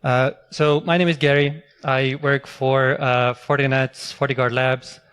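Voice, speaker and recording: Hungarian-born man, middle-aged, conference speaker, smooth resonant voice, mid pitch, loose delivery full of "um"s. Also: unhurried. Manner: relaxed, many fillers and restarts. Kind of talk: technical conference talk. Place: conference hall.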